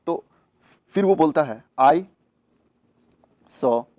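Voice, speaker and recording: A man gives a classroom grammar lesson and repeats each point, asking a question and then answering it. His voice sits a little high for a man. The recording is dry and close, with no room sound. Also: animated, very slow, a little mellow, dry recording. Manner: repetitive, asks rhetorical questions then answers them. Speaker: English grammar teacher.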